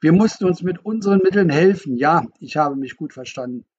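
A wounded middle-aged mother, read by a male narrator, soft-voiced and gentle yet defensive and reproachful. The voice is a little raised and husky. The audiobook recording sounds dull and lo-fi. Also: on the high side, expressive, a little fast.

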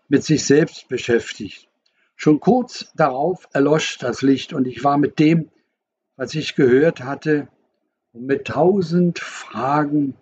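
A man reading a first-person novel aloud as an audiobook narrator, calm and measured. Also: fairly high pitch, lo-fi sound, slight background noise.

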